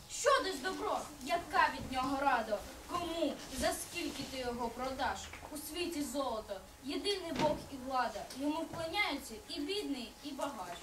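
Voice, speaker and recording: A woman playing a cynical tempter who worships gold and power in an amateur nativity puppet play, declaiming in mocking questions. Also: high voice. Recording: echoey hall, distant noisy mic.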